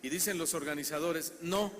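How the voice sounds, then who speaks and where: Male Mexican pastor, fairly high voice; animated sermon with questions to the congregation; church hall reverb. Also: normal speed. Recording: reverberant hall, faint background noise.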